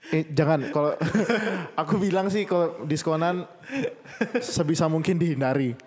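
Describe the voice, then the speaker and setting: A man's voice: a little high, normal speed, a little mellow. A man, a filmmaker guest, chatting in an easygoing way and laughing often. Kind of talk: casual chat. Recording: long hall reverb.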